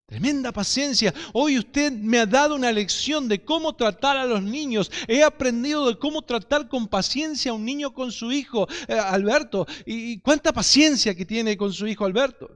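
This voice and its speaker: An effusive, amazed woman shopper, as a preacher puts her on, gushing praise over and over. The voice stays high and smooth. A long hall reverb trails every phrase. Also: moderate pace, few pauses, fairly bright tone. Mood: admiring.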